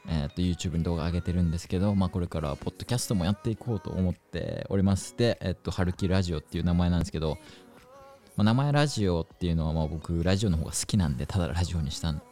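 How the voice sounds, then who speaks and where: A man's voice: deep voice, racing, warm tone, faint music behind. A man in his twenties from Kansai, chatting casually and politely as a podcast host in standard Japanese mixed with some Kansai dialect. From Kansai, Japan, moved to Tokyo area as a teen. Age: 20s. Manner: polite casual speech, mixes in English words.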